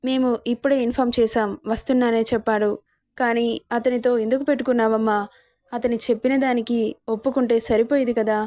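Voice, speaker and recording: Gruff office guards demand answers and scold an intruder, voiced by a female storyteller. The delivery is slightly high and flat. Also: fairly quick, lightly acted. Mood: consoling.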